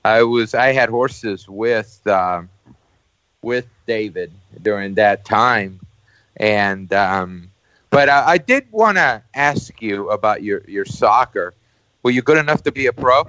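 A man's voice: on the low side, lively intonation, takes it slowly, fairly bright tone, no room sound, dull audio. A man hosting a casual, conversational interview. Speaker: interview host.

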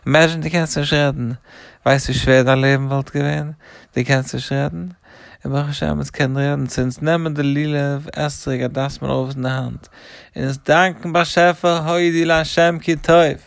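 Gravelly middle-aged rabbi, patient teacher. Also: male voice, medium pitch, fairly even intonation, moderate pace, dry recording, clean studio sound. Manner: patient, repetitive listing, devout thanks. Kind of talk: explaining and teaching a child.

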